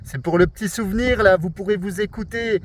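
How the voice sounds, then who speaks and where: An amateur CB radio operator making a video chats casually and amiably over the radio in rambling jargon, his high voice brisk. He's outdoors in a windy spot, and the recording picks up wind and traffic noise.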